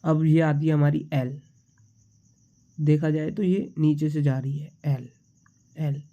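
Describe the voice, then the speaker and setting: In this casual shorthand tutorial, a young man with a mild cold speaks slowly and steadily in a warm, somewhat high voice. He is patient, repeating each symbol while he writes it. Sound quality is dull and lo-fi.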